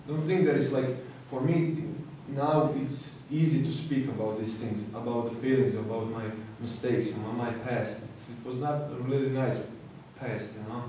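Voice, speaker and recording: Man, Croatian accent, thirties, halting and searching for words, mellow dark voice, distant mic in a very echoey hall. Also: mid-range voice, fairly even intonation, slight background noise. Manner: halting, searching for words, frequent "you know". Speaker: recovering addict giving testimony. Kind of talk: personal testimony talk.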